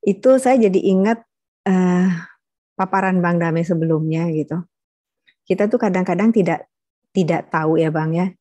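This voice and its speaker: A woman's voice: lowish voice, normal speed, pauses often, warm tone, no echo. A woman co-hosting a study discussion, chatty and affirming. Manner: chatty, frequent affirming interjections. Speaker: co-host.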